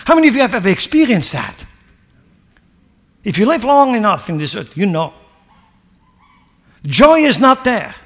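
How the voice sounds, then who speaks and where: A man preaching a sermon as pastor, emphatic and rising to near-shouts, firing rhetorical questions at the congregation. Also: high voice, big pitch swings, moderate pace, long pauses.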